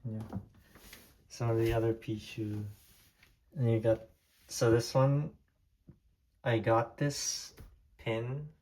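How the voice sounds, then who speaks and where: Speaking slowly and pausing often, a young man from Taiwan gives a loose tour of his diecast collection room, his native Hokkien background showing in a speech full of fillers and restarts. The mid-range voice is steady and a little mellow.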